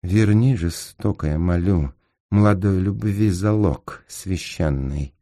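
A male reader voicing an oily, mocking young card-sharp in a smooth, theatrical manner, in an audiobook. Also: fairly low pitch, sing-song, a little slow, pitched above the performer's own voice, heavily acted. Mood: sneering.

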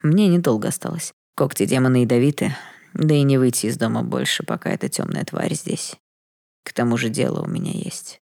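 A woman voicing a dying old male dragon lord, speaking hoarsely and grimly. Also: very deep voice, very animated, fairly quick, a little mellow, no room sound, studio quality, exaggerated voice. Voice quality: hoarse, rasping.

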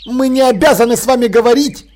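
A man's voice: very high-pitched, fast talker, darkish tone, voice pushed up. A man voicing a cold, edgy vampire soldier who speaks curtly and with menace. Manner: curt, cold, menacing, then frantic about coffee.

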